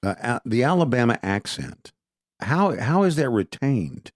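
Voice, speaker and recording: A man's voice: medium pitch, big pitch swings, a little slow, dry recording, clean studio sound. A man, co-hosting a casual conversation and rambling through his thoughts with frequent restarts. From Texas. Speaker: podcast co-host.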